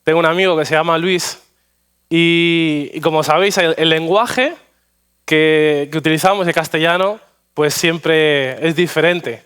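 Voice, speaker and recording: In a church sanctuary, a guest preacher from Spain with a Madrid accent gives an anecdotal sermon with prayer, his voice crisp, smooth, and a bit high. He's unhurried and warm, weaving in personal stories and self-deprecating jokes.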